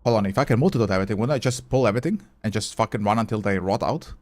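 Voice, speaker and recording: A man's voice: fairly low pitch, rapid-fire, darkish tone. A man streaming a game live, thinking aloud as he plays and chatting casually with viewers, sometimes swearing. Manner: chatty, answers viewer chat while playing. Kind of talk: casual live gameplay commentary.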